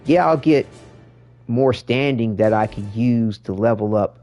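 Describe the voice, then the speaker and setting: A streamer shows a game to a viewer, rambling through casual, slangy commentary and often repeating himself. His mid-range voice is mellow and unhurried, with soft music playing behind him.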